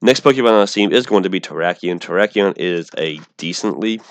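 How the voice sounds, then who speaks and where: A man giving casual, unscripted game strategy commentary in a halting, rambling way, with a speech impediment that makes his R's sound like W's. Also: low voice. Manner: rambling, halting, with false starts and self-corrections. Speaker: online gamer presenting an opposing team.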